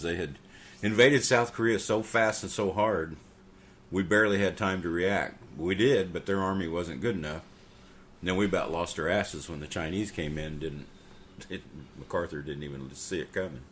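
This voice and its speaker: A middle-aged man with a very low, deep voice, talking bluntly and swearing freely as he vents in a casual podcast chat. A faint hum of background noise sits under his voice. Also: normal speed. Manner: blunt, profane, bitter. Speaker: podcast co-host. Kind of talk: casual political rant.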